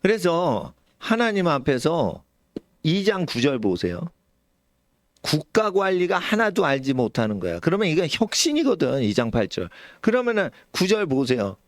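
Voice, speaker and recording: A middle-aged male pastor preaches with a very lively, swooping pitch. He jumps between shouted bursts and quiet, low asides. The sound is dry and close, with little room echo. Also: normal speed. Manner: animated, suddenly shouts or drops low, acts out quoted elders. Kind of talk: sermon. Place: church sanctuary.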